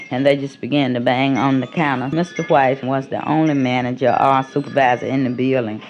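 A woman's voice: a bass voice, darkish tone, muffled recording. Woman, oral-history storytelling, plain-spoken, acts out what others said. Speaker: former cafeteria worker recalling a strike.

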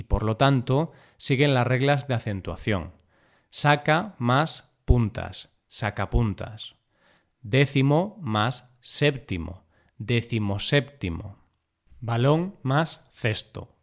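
Male teacher, scripted lesson read-out, slow and measured, mid-pitched voice, stresses syllables on each example word. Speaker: language teacher. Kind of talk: scripted spelling lesson narration.

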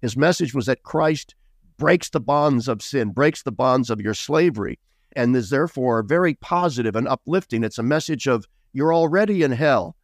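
A man's voice: medium pitch, expressive, normal speed, no room sound, clean studio sound. A middle-aged man speaking as a guest author in an interview, earnest and emphatic, with bursts of raised emphasis. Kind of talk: interview conversation.

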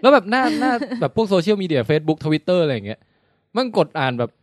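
A man's voice: fairly high pitch, normal speed, no room sound, clean studio sound. A man co-hosting a casual podcast chat, telling stories and acting out what people said. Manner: animated storyteller, acts out quotes. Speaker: podcast co-host.

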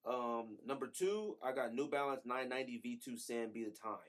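A man's voice: medium pitch, moderate pace. A man in his thirties co-hosting a podcast, giving emphatic, slangy opinions in casual chat. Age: 30s. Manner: emphatic, slangy, counts down rankings. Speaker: podcast co-host.

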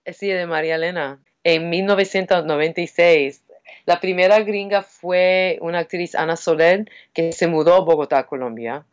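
A woman's voice: on the low side, normal speed, clean tone. A woman with a New York Puerto Rican accent whose first language is English, a playwright telling stories in a casual interview and slipping into English now and then. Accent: New York Puerto Rican Spanish. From Puerto Rican community in New York. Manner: lively storytelling, animated quoting.

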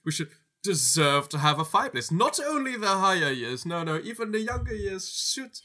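Man playing a bright-voiced student rabble-rouser. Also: high-pitched, sing-song, voice pushed up, exaggerated voice. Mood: indignant rallying. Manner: declaiming haltingly to a crowd. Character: earnest male student rabble-rouser at magic school.

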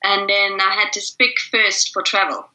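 Bright-voiced German woman, thoughtful guest. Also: medium pitch, flat delivery, normal speed, low-quality recording. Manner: thoughtful, many fillers and restarts. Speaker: guest, facilitation trainer. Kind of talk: casual interview conversation.

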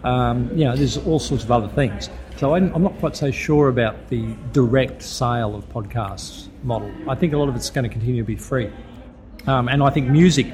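A man hosts a podcast interview at an ordinary pitch for a man. He asks questions and offers his own views in a relaxed, conversational way. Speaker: podcast host. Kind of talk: casual interview talk.

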